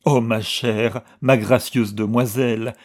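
A man's voice: fairly low pitch, moderate pace, a little mellow, slightly rough. A man reading as a tearful old pastor. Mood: pleading. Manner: pleading, flustered. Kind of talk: audiobook reading.

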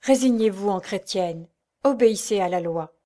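Woman as a gentle, consoling village curé, solemn. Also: medium pitch, normal speed, lightly acted. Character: gentle male village priest.

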